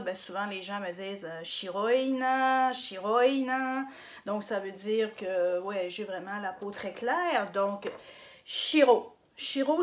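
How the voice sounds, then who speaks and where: A woman giving a casual spoken lesson, hesitant with many fillers and repeating words slowly for her viewers. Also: mid-range voice. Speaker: language teacher on her own channel.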